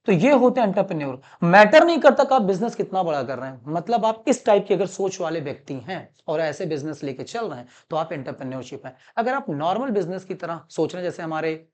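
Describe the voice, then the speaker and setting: A man's voice: high-pitched, big pitch swings, fast, few pauses. Repetitive male teacher lecturing students. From Allahabad, India. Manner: repeats points and calls students "beta"; mixes English terms into Hindi explanations. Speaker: commerce teacher. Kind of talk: classroom-style lecture.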